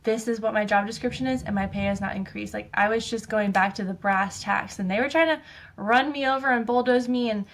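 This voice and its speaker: A woman's voice: mid-range voice, a little fast. A woman hosting her own show, talking casually and emphatically in a personal monologue, filling her speech with "like" and "um". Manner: chatty, fills speech with "like" and "um"; emphatic, ranting. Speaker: podcast host.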